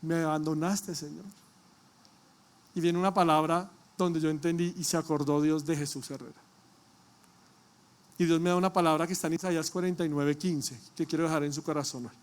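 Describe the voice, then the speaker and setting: A male pastor preaching a sermon, telling a personal testimony with emotion and rising to loud calls to the congregation. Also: on the high side, fairly even intonation, brisk.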